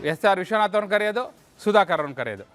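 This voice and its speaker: High-pitched guy breaking down party politics on a news show, chatty and animated, keeps asking questions back. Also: racing. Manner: lively, storytelling delivery with rhetorical questions. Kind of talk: conversational news discussion.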